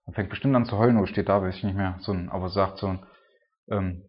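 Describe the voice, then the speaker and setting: A man with a fairly low voice preaches in a loose, chatty manner, tagging almost every thought with a questioning "right?". The recording sounds dull and lo-fi. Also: steady tone, quick pace. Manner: informal, tags nearly every sentence with a questioning "ne?". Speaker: preacher and church planter. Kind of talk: casual conversational preaching.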